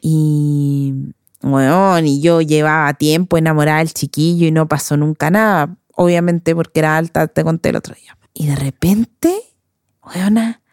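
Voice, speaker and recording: Chilean woman podcast co-host, young, lively slangy storyteller, lowish warm tone, dry close sound. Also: moderate pace, dry recording. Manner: animated storytelling, slangy, laughs often. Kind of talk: casual chat.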